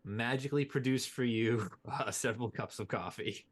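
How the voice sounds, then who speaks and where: A man's voice: mid-range voice, moderate pace, slight background noise. Playful man running a tabletop game. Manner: playful, teasing, laughs often. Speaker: game master.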